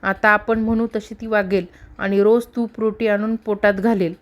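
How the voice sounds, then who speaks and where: A cunning, bossy old mother-in-law from a spoken folk tale, barking orders and scolding, as a woman storyteller reads her lines. her voice keeps a narrow, even pitch. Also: normal speed, lightly acted. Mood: commanding.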